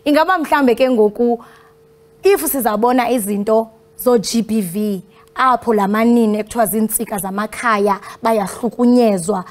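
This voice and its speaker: A woman's voice: fairly high pitch, moderate pace. A South African woman with a Xhosa accent, hosting an interview programme. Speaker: broadcast host.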